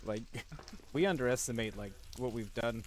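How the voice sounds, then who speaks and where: A man streaming a game, chatting and joking with a friend, quick to laugh. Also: medium pitch, slight background noise. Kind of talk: casual livestream game chat.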